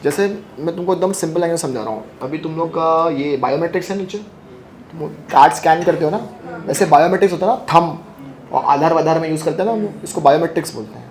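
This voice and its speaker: In a physics classroom lecture, a man with a slightly high voice talks fast, firing questions at his students, echoing their answers, and teasing them jokingly between points. Slight background noise is audible.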